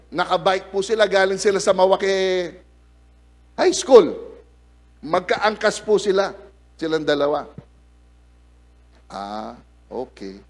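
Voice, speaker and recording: A middle-aged male pastor preaching a sermon to his congregation in church, telling stories and calling out for amens. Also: high-pitched. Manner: lively, calls out to the congregation for amens. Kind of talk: sermon with storytelling. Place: church service before a congregation.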